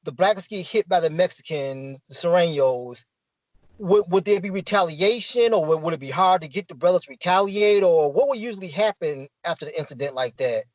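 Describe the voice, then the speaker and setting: A man's voice: high voice, expressive, brisk, no echo, rough recording. A man interviewing a guest, giving brief prompts and asking short follow-up questions.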